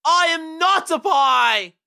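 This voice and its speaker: A woman voicing a frightened, stubborn young boy rabbit who shouts his indignant protests. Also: very high voice, animated, slow pace, vocal fry, no echo, clean studio sound, pitched above the performer's own voice, full character voice. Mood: defiant yelling.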